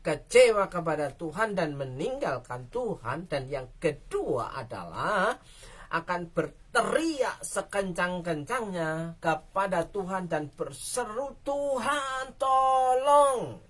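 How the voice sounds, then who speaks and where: Woman, pastor, sermon, slow unhurried delivery, dramatic preaching. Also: on the low side, very animated, breathy edge. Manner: dramatic preaching, addressing the congregation directly.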